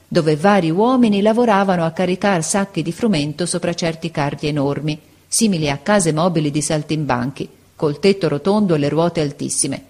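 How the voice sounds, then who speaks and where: A woman narrating a classic story aloud in a steady, expressive storytelling manner. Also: fairly low pitch.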